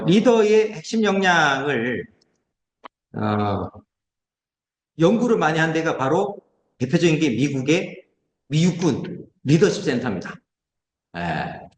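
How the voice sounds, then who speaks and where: Male lecturer in his 40s, very fast, lively pitch, echoey room recording. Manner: rapid, conversational, rhetorical questions. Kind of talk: online lecture.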